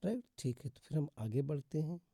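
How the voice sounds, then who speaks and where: In a Hindi-language phonics lesson, a man teaches English pronunciation slowly, repeating rules, stretching out example words, and calling viewers "friends" again and again. His voice sits on the high side, expressive, creaky, and mellow, with no echo.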